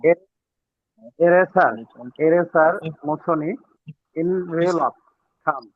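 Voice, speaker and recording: Student slowly reading words over tinny line. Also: male voice, on the high side, fairly even intonation, no room sound. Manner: reads a word list slowly aloud. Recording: tinny phone-like call audio.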